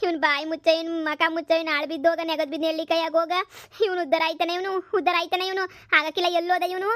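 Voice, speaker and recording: A woman voicing a young village mother in a cartoon comedy, frantic and quick-tempered, wailing and scolding. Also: very high-pitched, flat delivery, fairly bright tone, dry recording. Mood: cursing. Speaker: mother of two baby daughters.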